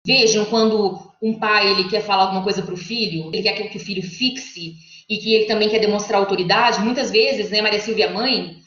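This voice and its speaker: A woman's voice: medium pitch, a bit bright. A woman giving an academic lecture over a video call, explaining step by step and often checking in with her listeners. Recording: echoey, muffled online call audio.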